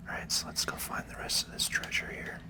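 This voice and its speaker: Someone whispers gentle, unhurried ASMR commentary while playing a video game, sitting close to the mic. The whisper is soft and breathy with creaky edges, and the tone is conversational.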